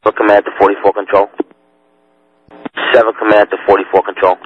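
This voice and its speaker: Male incident commander, lower register, clipped and halting, over walkie-talkie with thin sound and light static. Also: little pitch movement. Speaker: fire command officer on radio. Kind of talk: terse operational radio calls. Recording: noisy phone-like two-way radio.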